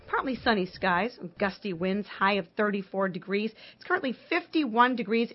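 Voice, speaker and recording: Woman reading news over muffled AM radio. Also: mid-range voice. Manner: brisk, even newsreader delivery. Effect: muffled AM radio broadcast sound. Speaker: news, traffic and weather reader. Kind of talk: scripted radio news read. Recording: dull AM radio broadcast.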